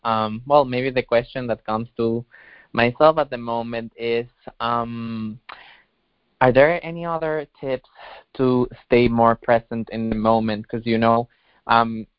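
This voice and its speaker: A man's voice: medium pitch, fairly even intonation, measured pace, smooth, no echo, highs cut off. Hesitant man from Ecuador calling in. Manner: hesitant, many fillers and restarts, earnest. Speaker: caller. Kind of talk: casual phone-in question.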